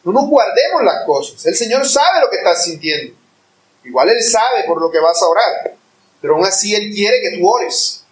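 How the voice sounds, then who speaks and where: A man's voice: high voice, very animated, normal speed. A man preaching a sermon in a church, earnest and at times rising to impassioned pleading. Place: church hall. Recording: echoey room, voice far from mic.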